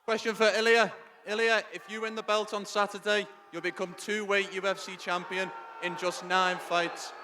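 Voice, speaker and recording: Bright, forceful high-voiced male reporter. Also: little pitch movement, moderate pace, some chatter behind, a little hiss or hum. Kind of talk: press conference questioning.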